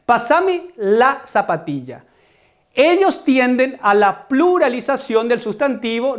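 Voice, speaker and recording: A man with a Paraguayan Spanish accent giving an online school lesson, explaining terms and speaking straight to his students. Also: very high-pitched. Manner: explanatory, stresses key terms, addresses students directly. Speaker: teacher.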